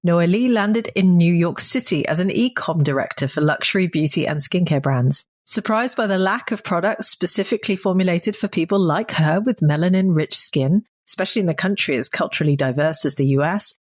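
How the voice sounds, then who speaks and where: A woman hosting a podcast interview, reading a clear scripted introduction and then asking friendly questions. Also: lowish voice. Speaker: podcast host.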